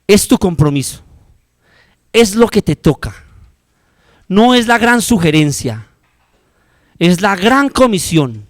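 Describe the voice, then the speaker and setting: A Colombian man preaching with fervor, his voice sitting high for a man. He drops to near-whispers and then climbs to urgent, ringing appeals. The sound is close and dry, with no room around it. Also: big pitch swings, slow pace, pauses often, dry recording. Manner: impassioned preaching, swinging from hushed to loud. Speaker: pastor. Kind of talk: sermon.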